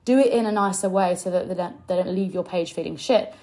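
With a lowish, dark voice and a fast delivery, a young adult woman runs a casual teaching podcast as a business coach. Her monologue is chatty and direct, peppered with mild swearing.

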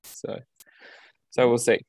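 A man's voice: takes it slowly, a little mellow, no echo. An Australian man co-hosting a podcast over a video call, chatting casually with lots of ums and uhs. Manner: easygoing, many ums and uhs, chuckles. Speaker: podcast co-host. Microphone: video call setup.

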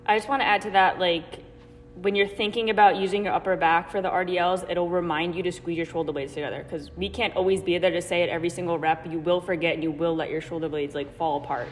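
A woman's voice: fairly even intonation, fast, soft background music. A woman fitness coach hosting a casual podcast recorded in a gym. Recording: echoing gym, long reverb, faint rumbling noise.

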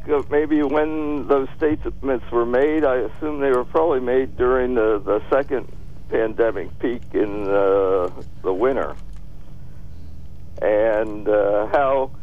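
A man calling into a radio talk show, speaking casually in a halting, hesitant way. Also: mid-range voice. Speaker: caller. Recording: muffled phone call with vehicle noise.

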